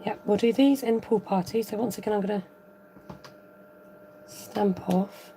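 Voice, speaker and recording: A woman hosts a live card-making tutorial, rambling and thinking aloud as she works, chatting with viewers and reading their comments. Her slightly croaky, mellow voice is medium-pitched and measured. It comes from off-frame beneath an overhead camera above the craft table, with slight background noise.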